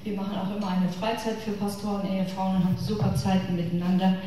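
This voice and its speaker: A middle-aged woman with a northern German accent gives a chatty, informal faith talk to a women's church gathering, addressing her listeners directly and personally. Her voice is medium in pitch and dark, with a level tone and a quick pace. The recording comes from far off in an echoey hall with room noise.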